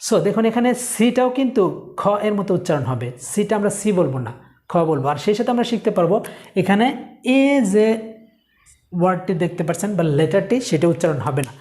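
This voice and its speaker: A woman with a mid-range voice teaches a spoken English lesson. She explains each word and then says it again and again slowly so learners can copy her, dropping English phrases into her talk. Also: medium pitch, expressive, darkish tone. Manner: repeats words slowly for learners.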